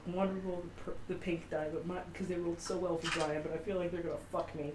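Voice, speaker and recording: A woman's voice: lowish voice, little pitch movement, fast talker, noisy background. A woman player in a tabletop game, joking and swearing freely, recorded in a roomy space on a distant mic. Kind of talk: casual chat at a tabletop game.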